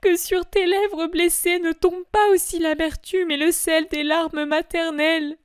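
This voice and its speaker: Grieving holy mother as a woman reads her, sobbing, imploring, high breaking voice, dry close sound. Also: unhurried, a bit bright, dry recording. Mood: tender. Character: grieving mother of Jesus, desperate, pleading. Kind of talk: dramatic religious reading.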